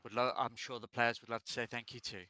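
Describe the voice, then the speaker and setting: A man running a tabletop game as dungeon master on a live stream, narrating deliberately and often correcting himself as he goes. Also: medium pitch, flat delivery, bright, forceful tone, dry recording. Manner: slow, deliberate narration with restarts and self-corrections.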